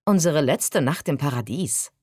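A woman voicing a tired, sarcastic teenage girl hiker who complains in a drawn-out tone. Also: low-pitched, expressive, mellow, husky, no room sound, clean studio sound, heavily acted.

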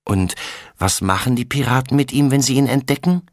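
A man voicing a small boy obsessed with pirates in a children's audiobook, full of boyish excitement. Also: mid-range voice, fairly quick, dry recording, clean studio sound, voice pushed up, close to an everyday voice. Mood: curious.

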